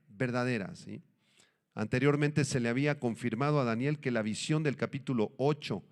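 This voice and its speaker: A male pastor preaching an expository Bible sermon in a teacherly manner, often asking the congregation questions and answering them himself. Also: mid-range voice.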